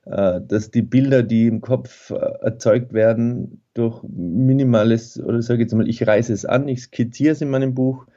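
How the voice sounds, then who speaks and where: A man's voice: mid-range voice, moderate pace, few pauses, mellow, highs cut off. A male author, talking through his writing in a rambling, thoughtful way with many fillers. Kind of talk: conversational interview.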